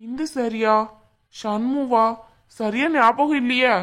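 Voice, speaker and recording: A woman with a slightly high voice coaxes and questions someone gently in a family drama. She is acting in a domestic scene at home. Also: steady tone, takes it slowly. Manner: coaxing, questioning. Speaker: concerned mother-in-law figure in a family drama. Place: indoors at home.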